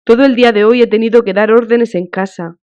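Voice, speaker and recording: A woman reading an audiobook, voicing a grieving, humiliated middle-aged official in a weary, halting, thin voice, on a dull lo-fi recording. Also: on the high side, fairly even intonation, darkish tone, clear, resonant tone, close to an everyday voice. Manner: weary, broken, halting complaint.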